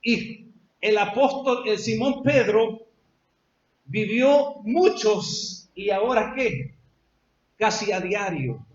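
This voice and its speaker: A man's voice: high-pitched, animated, slow, pauses often. A man with a Salvadoran accent preaching a sermon, telling the story emphatically and drawing out repeated phrases. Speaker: pastor. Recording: echoey dull lo-fi church recording.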